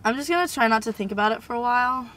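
A woman's voice: on the high side, very fast, a bit bright, close to an everyday voice. A young woman acting as a heartbroken, pushy teenage girl in an amateur school drama. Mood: hurt. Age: teens. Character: heartbroken reckless teen girl, Chandler. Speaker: student.

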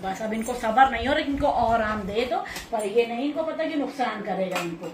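A woman talking to her pet dogs in casual baby talk while she films, coaxing and scolding them gently and laughing often. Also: on the high side, lively intonation, moderate pace, distant mic, crowd noise. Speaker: pet owner vlogger. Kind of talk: casual vlog, talking to pets. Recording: echoey room, voice off-mic, faint noise.

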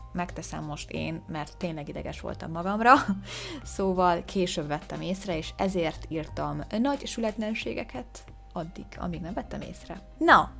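A woman's voice: fairly low pitch, creaky. A woman hosting a game video, commenting casually, exclaiming and gasping as she guesses, and sounding out English words hesitantly. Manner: excitable, exclaims and gasps while guessing. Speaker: gaming video host.

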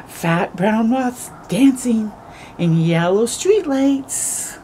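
A middle-aged woman with a fairly high-pitched voice reads a picture book aloud at a children's storytime, adding little asides along the way. She tells it slowly and expressively, gasping and drawing out words. The recording comes from a nearby camera outdoors on a porch or yard in the early morning, with a slight hiss or hum.

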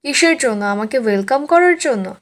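A woman's voice: a little high, expressive, normal speed, close to an everyday voice. A woman quoting an arrogant, bullying rich older man who sneers and blusters. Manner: blustering and contemptuous.

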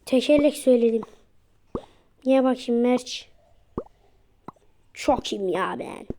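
A woman chatting her way through a mobile game, excitable and quick to repeat her cheers. Her voice sits high, and she talks in an unhurried, drawn-out way. A faint noise hangs behind her. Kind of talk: casual gameplay commentary.

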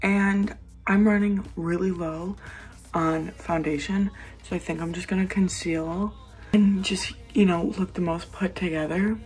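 A young adult woman, a sorority member vlogger, chats casually and gushingly to her vlog in a bubbly sorority-girl manner, holding her phone at arm's length. Her lowish voice is steady, unhurried, and a little mellow, with music playing underneath the phone recording.

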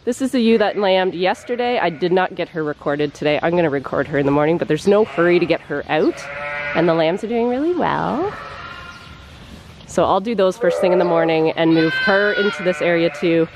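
A woman's voice: fairly low pitch, brisk. A woman farmer in her forties vlogging casually to a handheld camera in a large sheep barn, chatty and tired, often restarting her sentences. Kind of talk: casual vlog talk to camera. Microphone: handheld camera at arm's length. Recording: noisy barn with sheep bleating. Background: bleating sheep and barn noise.

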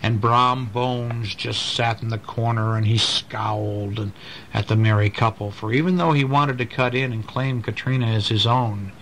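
Reading a bedtime story to his small child, this father uses a fairly low, fairly bright voice at a moderate pace. He reads expressively and stops to explain and ask questions, all in a noisy amateur home recording.

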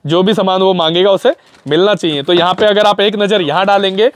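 High-voiced young man touring a shop. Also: fairly even intonation, a little fast. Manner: chatty, repeats prices back, talks to viewers as brother. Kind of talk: casual shop tour vlog. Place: indoor auto parts shop and warehouse. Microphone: lapel mic.

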